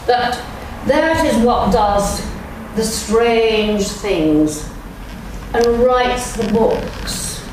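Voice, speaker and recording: An older Englishwoman, a guest lecturer, gives a lunchtime lecture in a large church, reading quotations aloud in a slow, thoughtful way with frequent ums. Her somewhat high voice is heard from a distance in a very echoey space, with faint background noise.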